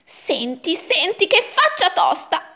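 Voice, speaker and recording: A woman voicing a fussy, grumbling little old woman in a rhyming storybook, with an exaggerated shrill delivery. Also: sing-song, slow, bright, forceful tone, exaggerated voice. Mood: complaining. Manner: shrill, exaggerated complaining in rhyme. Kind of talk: storybook reading.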